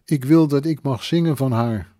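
A man voices a tipsy, grieving thirty-one-year-old woman who slurs, drags out her words and fumbles for them, sounding wistful. His medium, mellow voice is raised slightly above his natural one, though near an everyday tone, recorded dry and close in a studio.

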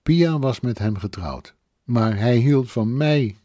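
A man's voice: mid-range voice, expressive, dark tone, no echo. A man voicing a tipsy, grieving woman of thirty-one who slurs, drags her words and gropes for them. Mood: tipsy, wistful. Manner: slurred, drawn-out, searching for words. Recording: dry close studio sound.

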